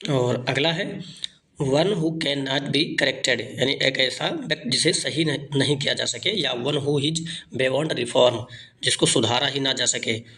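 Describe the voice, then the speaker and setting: A man teaches one-word substitutions as an exam-prep lesson. He reads each phrase slowly and deliberately, then explains it in Hindi and repeats the answer. His voice sits at an ordinary middle pitch. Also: fairly bright tone. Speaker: English vocabulary teacher.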